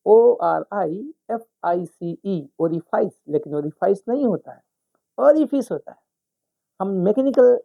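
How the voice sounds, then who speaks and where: A man teaches spoken English in a relaxed, explanatory way. His voice is rough and gravelly, with a deep, mellow darkness. He repeats each word several times and spells it out letter by letter. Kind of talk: explanatory lesson.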